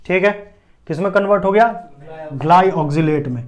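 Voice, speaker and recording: A man's voice: high-pitched, moderate pace. A man teaching a biology lesson at a board, explaining step by step and asking and answering his own check questions. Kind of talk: classroom lecture at a board.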